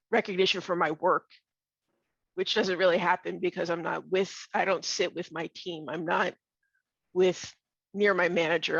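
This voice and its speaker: A middle-aged woman who is losing her voice, speaking bluntly and candidly on a video call, often halting and restarting. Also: fairly low pitch, gravelly, a bit bright, husky, dry recording, lo-fi sound. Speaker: webinar participant. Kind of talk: casual discussion on a video call.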